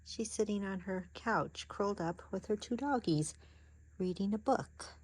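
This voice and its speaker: A female craft vlogger unpacks supplies on camera, chatting casually and gasping with delight over each one, excitable and prone to restarting her sentences. Her mid-range voice is slightly rough and her pace measured.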